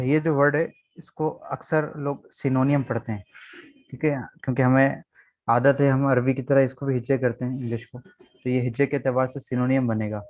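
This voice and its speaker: A man's voice: mid-range voice, no room sound. A man teaching an online vocabulary lesson over a video call, explaining step by step and often checking in with "okay". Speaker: English teacher. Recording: dull, dry video call audio.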